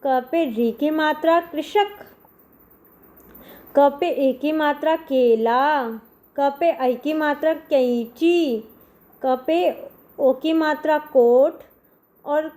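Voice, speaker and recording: Speaking to young children in a high, somewhat mellow voice, a woman with an Indian Hindi accent teaches a primary school lesson. She's patient, breaks sounds down one by one, and keeps saying "dekho."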